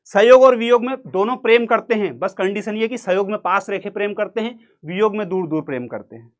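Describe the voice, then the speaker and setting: A man's high-pitched, fairly quick voice leads an exam-prep literature lesson. He keeps it playful and full of jokes, performs quotations, and sings fragments, all with a central Indian Hindi accent.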